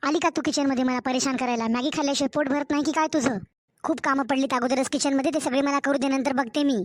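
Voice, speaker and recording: A woman voicing a harsh, impatient young stepmother in an animated storybook, speaking with a Marathwada Marathi accent in a sharp, scolding way. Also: high voice, fast talker, lightly acted. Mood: irritated.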